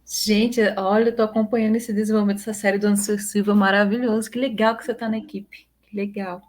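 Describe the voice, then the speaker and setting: A woman's voice: mid-range voice, level tone, fast, darkish tone. A woman moderating an online film panel, introducing each guest in an upbeat, enthusiastic way.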